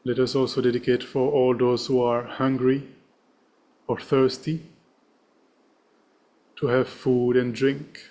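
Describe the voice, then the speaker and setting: A man leading a guided meditation as its teacher, speaking in a serene, gentle and measured manner. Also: mid-range voice, flat delivery.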